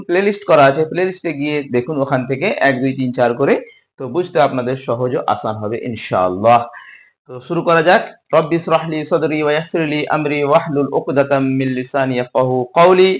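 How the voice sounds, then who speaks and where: A man teaching Quran reading in an online lesson, slowly drilling Arabic letter sounds one by one. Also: on the high side.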